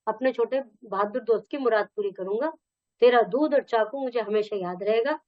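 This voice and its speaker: A woman's voice: a little high, moderate pace, no echo, lightly acted. A woman reading the lines of a fierce male warlord from a textbook story, in a dull, dry recording. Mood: commanding. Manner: reading dialogue aloud from a textbook. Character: fierce male conqueror, warlord, softened by a boy's courage.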